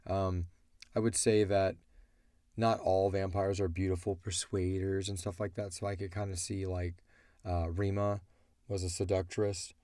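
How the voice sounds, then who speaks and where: In a casual audio drama chat, the man who created the show and co-hosts it responds to listener questions with relaxed, rambling explanations. He sits low in pitch with a flat, unhurried, dark-toned delivery. The studio sound is clean and echo-free.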